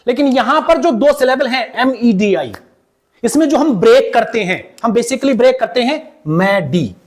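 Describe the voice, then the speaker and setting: A man teaching English pronunciation, repeating each word slowly again and again as a drill and calling his viewers "beta" in a fatherly way. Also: very high voice, expressive. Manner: slow, repeats words many times for drill. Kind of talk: pronunciation lesson.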